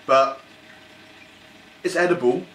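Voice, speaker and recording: A man's voice: medium pitch, fairly bright tone. A man co-hosting a casual food taste-test, blunt and joking, swearing freely. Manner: blunt, swears, quick jokes. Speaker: food review co-host. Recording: echoey room, distant mic, faint noise.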